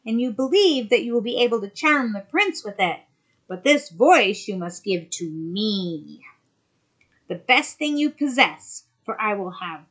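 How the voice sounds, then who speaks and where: A woman voicing a shrill gloating sea witch. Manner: loud, high and gloating. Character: cruel mocking old female sea witch.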